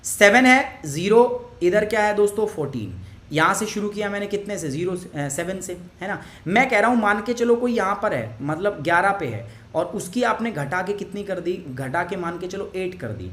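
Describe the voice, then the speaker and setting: A man's voice: sits high, lively intonation, moderate pace, fairly bright tone, roomy sound. A male teacher explaining a science lesson to students. He keeps asking questions and answers them himself, slips English phrases into his sentences, and patiently goes over points again.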